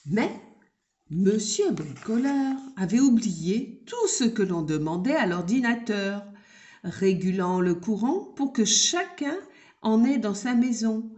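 A woman reading a children's story aloud in a gentle, unhurried way. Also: medium pitch, very animated.

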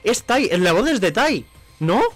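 A gaming YouTuber from Spain, speaking with a Spanish accent, jokes his way through a let's play in a high-pitched voice at a measured pace. He's animated and keeps slipping into mock-dramatic cries, with soft music in the background.

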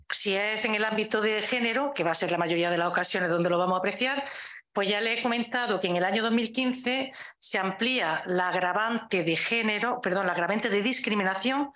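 A legal expert with a Spanish accent gives a conference talk on law over video. Her mid-range voice has a fairly bright tone, and she explains her points with frequent rhetorical questions.

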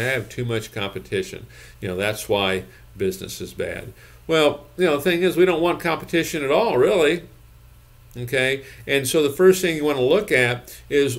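Older man, gravelly voice, emphatic consultant talk, repeats points, asks "okay?", home office webcam. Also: medium pitch. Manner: emphatic, repeats phrases, frequent "okay?" and "you know". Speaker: gym business consultant. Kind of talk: direct-to-camera business advice talk.

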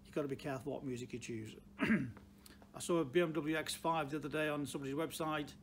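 Higher-pitched older man, Stoke accent. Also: a little fast. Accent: Stoke-on-Trent (Potteries). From Stoke-on-Trent, England. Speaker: car dealer presenting advice. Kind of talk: unscripted direct-to-camera advice talk. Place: large indoor car showroom. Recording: clear background noise, showroom ambience.

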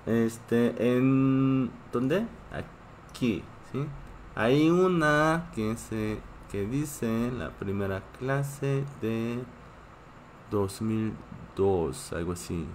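A man's voice: medium pitch, expressive, extremely slow, darkish tone, a little hiss or hum. A man who is a native Korean speaker, teaching a live online class in a patient way and often checking in with his students. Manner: reads chat and greets viewers.

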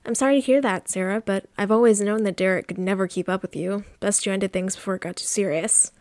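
A woman reading the lines of a bossy, controlling wealthy mother in a story game, briskly and commandingly. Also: mid-range voice, fairly even intonation, darkish tone, no room sound, close to an everyday voice. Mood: stern.

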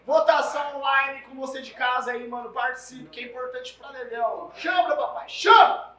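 A man with a Brazilian accent hosting a live rap battle, hyping the crowd loudly and playfully. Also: extremely high pitch, flat delivery, a little fast. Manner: loud, playful crowd hype. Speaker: battle host. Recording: echoey, distant mic with faint crowd and beat.

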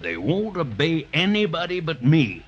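A man's voice: a little high, very animated, normal speed. A man acting a jolly, kindly old Santa Claus in a hearty, avuncular 1930s radio style. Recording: muffled, hissy 1930s radio recording.

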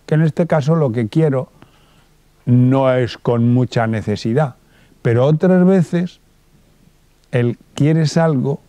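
Guy giving a talk, casual and chatty, acts out bits of dialogue, warm voice, dry sound. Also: mid-range voice, slow pace, pauses often, no room sound. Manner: colloquial, acts out little dialogues in different voices. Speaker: psychologist giving a conference talk. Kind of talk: lively public lecture.

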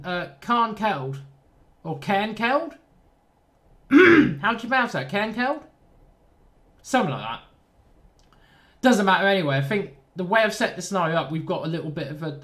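Narrating his train simulator run, a southern English man with a nasal accent talks casually in a fairly high, slightly bright voice. The YouTuber rambles, pokes fun at himself and drops jokey asides throughout the gameplay commentary.

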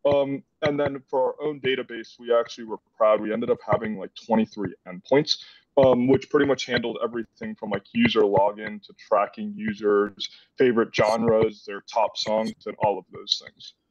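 A man's voice: lowish voice, fairly even intonation, moderate pace, no room sound. A man in his twenties from the Dominican Republic, presenting a student project on a video call in a casual way, with lots of "like" fillers. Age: 20s. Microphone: headset on a video call. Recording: dull, distant video call audio.

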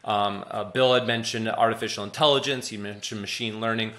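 A middle-aged man talks over a webcam on a video-call panel in a fairly low voice. He sounds eager and enthusiastic, often repeating words as he builds his sentences. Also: fairly even intonation, fairly quick, fairly bright tone. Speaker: panelist from a tech company.

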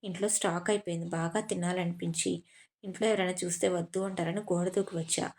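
A woman voicing a timid, playful young woman who speaks softly and meekly in an audio story. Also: fairly low pitch, steady tone, quick pace, natural voice. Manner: soft, meek.

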